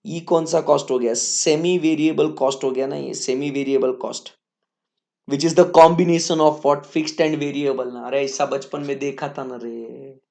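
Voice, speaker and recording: Brief: slow-talking male lecturer, teasing and slangy, keeps quizzing the class. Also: mid-range voice, fairly even intonation, creaky, darkish tone. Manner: playful, teasing, slangy banter with students; repeats questions to the class. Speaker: teacher.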